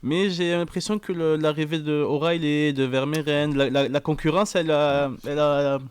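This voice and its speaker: A man talking as a panelist in a casual football chat, quick and halting, often repeating words. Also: on the high side, steady tone, clean tone, no room sound.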